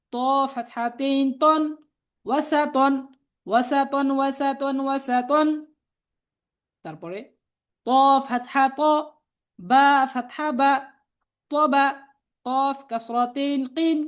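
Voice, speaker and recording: A woman with a Bangladeshi Bengali accent leads a patient spelling drill, naming each letter and vowel and repeating every syllable. Her voice sits high and she takes it slowly. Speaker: Quran reading teacher. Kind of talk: slow spelling drill lesson.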